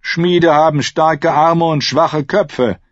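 Ein Mann liest einen arroganten jungen Lord, spöttisch und befehlend, in einer Hörbuchlesung. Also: male voice, a little high, takes it slowly, no echo, highs cut off, voice pushed up. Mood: scornful, commanding. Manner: mocking, commanding. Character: arrogant young male usurper lord. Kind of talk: audiobook reading.

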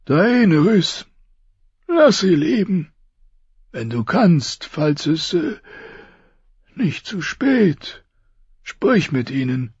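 A man voicing a dying, wounded king who speaks in a strained, pained way with loud outbursts. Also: a little high, very animated, very slow, pauses often, breathy edge, dry recording, muffled recording, voice pushed up, full character voice. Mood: weak, pained. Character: dying wounded male king, gruff and bitter. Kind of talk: audiobook character voice.

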